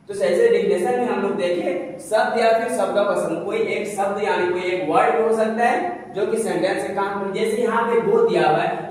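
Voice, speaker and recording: High-voiced man teaching in an echoey room. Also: darkish tone, a little hiss or hum. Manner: repetitive, asks and answers his own questions. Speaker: English teacher. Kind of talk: classroom lesson explaining grammar. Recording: echoey room heard from a distance.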